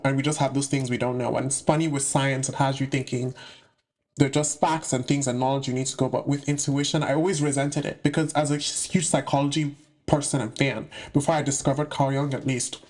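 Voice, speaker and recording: A young man from the UK, a spiritual content creator, delivers a casual, slang-filled monologue to camera about spiritual subjects, tossing in playful asides. His voice is mid-range and a little mellow.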